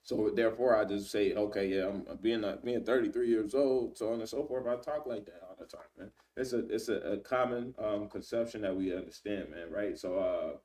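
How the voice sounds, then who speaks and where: A man's voice: lowish voice, mellow, distant mic. A man in his thirties giving casual Bible teaching, talking loosely with frequent "man" and "right?", reading verses aloud and stopping to look things up. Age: 30s. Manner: conversational, fills with "man" and "right?"; reads scripture aloud and pauses to search.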